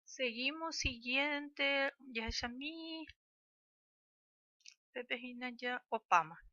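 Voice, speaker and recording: A woman teaching a language lesson, speaking slowly and clearly and drawing out sounds for pupils to repeat. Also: high voice, bright, forceful tone, no room sound, dull audio.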